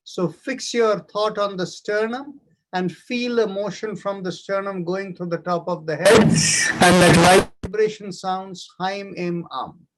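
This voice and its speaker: A man teaching an online yoga class, calmly guiding a silent mantra meditation with slow, measured instructions. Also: high voice, a little hiss or hum. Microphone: online class microphone.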